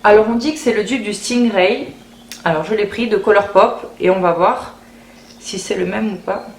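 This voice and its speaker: A woman's voice: medium pitch, moderate pace. A woman chatting casually through a beauty haul video, often repeating words as she thinks aloud. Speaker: beauty vlogger. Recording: roomy echo, faint background hiss.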